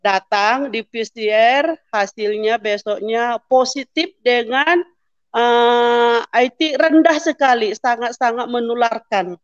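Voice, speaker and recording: A woman's voice: fairly high pitch, slow pace, dry recording, lo-fi sound. A woman in her fifties giving an emotional testimony to a pastor, acting out the dialogue and rising into pleading prayer.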